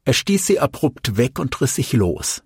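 A man reading a novel aloud as an audiobook narrator, measured and expressive. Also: mid-range voice, slight background noise. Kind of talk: scripted narration.

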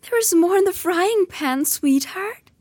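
A doting, fussy aunt with a high, sugary voice, as a woman reading the story puts her on. She coos her words, and they sound dry and close on the mic. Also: animated, measured pace, darkish tone, no echo.

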